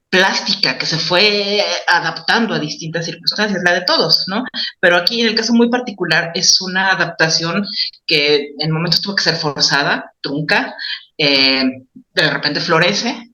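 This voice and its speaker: A reflective woman host with a bright, sharp voice asks probing questions. She is recorded in an echoey room. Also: lowish voice. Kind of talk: interview questions.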